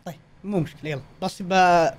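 A man in his twenties with a Saudi accent, reacting to videos about himself in casual, jokey commentary. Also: fast. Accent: Saudi Arabic. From Saudi Arabia. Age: 20s. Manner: excitable, jokey, swings between high and low tones.

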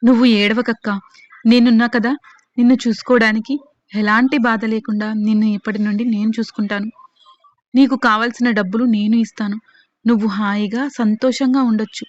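A woman's voice: fairly high pitch, fairly even intonation, moderate pace, lightly acted. A woman reading as a firm, defiant young woman. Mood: reassuring. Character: determined young woman protecting her sister. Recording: dull, dry lo-fi voice recording.

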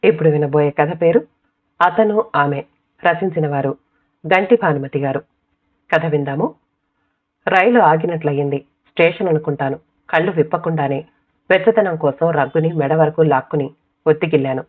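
A woman narrating an audiobook short story in a calm, measured reading voice. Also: sits low. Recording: tinny, phone-like sound.

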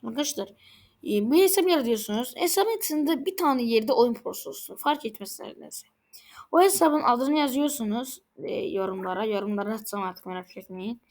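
A woman hosting a game channel, giving casual gameplay commentary with excitable, exclaiming reactions. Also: a little high, fairly quick.

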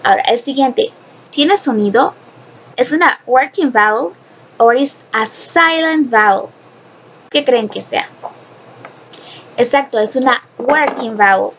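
A woman's voice: on the high side, expressive, slow, pauses often, a bit bright. A woman teaching an English phonics lesson, explaining step by step, repeating herself and asking rhetorical questions, switching between Spanish and English. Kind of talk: recorded classroom lesson. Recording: dull lo-fi sound with faint noise.

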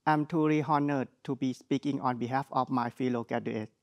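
A man's voice: mid-range voice, steady tone, moderate pace. Young Thai-accented man giving a speech. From Thailand. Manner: earnest, plain wording with light jokes. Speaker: graduate speaker. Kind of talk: prepared speech. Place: studio with virtual backdrop.

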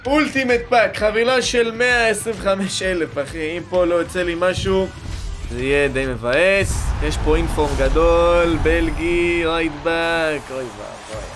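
A young man giving excited, slangy commentary while opening game packs, pleading for good cards and shouting at big pulls. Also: a little high. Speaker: gaming YouTuber. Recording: music playing underneath.

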